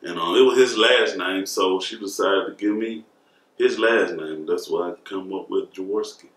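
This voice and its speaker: A laid-back man in his early thirties jokes and chats beside his wife, his voice lowish but bright. He sits off-mic in an echoey room. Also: moderate pace, recorded from a distance. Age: early 30s. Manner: laid-back, jokey, laughs often. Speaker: guest husband. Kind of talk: casual chat.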